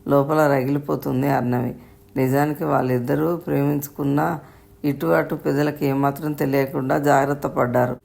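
A woman storyteller narrating a scripted story in a steady reading manner. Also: a bass voice, normal speed, vocal fry.

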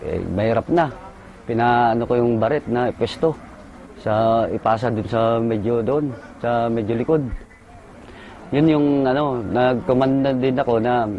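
A man, a soldier, recalling a firefight in short halting bursts and military jargon. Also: mid-range voice, highs cut off, slight background noise. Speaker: soldier recounting combat. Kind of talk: casual spoken recollection.

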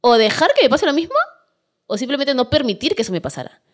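A woman's voice: high-pitched, very animated, fast talker. A Peruvian woman, a guest on a podcast, telling her own story in a casual interview, candid and emphatic.

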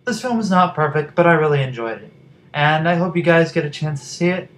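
A man's voice: fairly high pitch, fairly quick, fairly bright tone, poor audio. Casual male film reviewer. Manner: casual and enthusiastic, direct to viewers.

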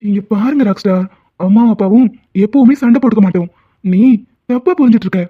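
A woman's voice: medium pitch, fast talker, a little hiss or hum, natural voice. Woman voicing a flirty cartoon husband, tinny. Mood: flustered. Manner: flirtatious, defensive explaining. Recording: tinny phone-like sound.

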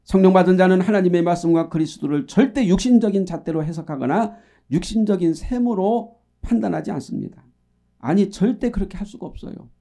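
A middle-aged man delivering an earnest sermon as a pastor. His voice sits a little high and is very bright and crisp. He moves between emphatic calls and quiet asides.

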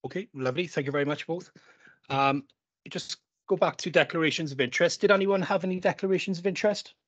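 Man chairing a council meeting. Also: on the high side. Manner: reads agenda items and calls on speakers. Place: large council chamber.

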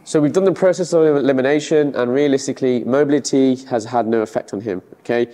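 A young man coaches someone through movements in casual, instructive speech. His voice is mellow and mid-pitched, carrying long reverb from a big gym. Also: fast talker. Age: young adult. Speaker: rehab therapist, coach. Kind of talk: hands-on instruction with casual chat. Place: large hard-floored gym, indoors. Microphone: clip-on lapel mic. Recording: reverberant hall-like room.

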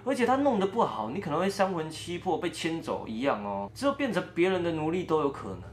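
A man doing a brisk spirit-sensing auntie. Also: a little high, sing-song, reverberant, faint music behind, pitched above the performer's own voice. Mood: scolding. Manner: scolding, matter-of-fact. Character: brisk middle-aged auntie who senses spirits.

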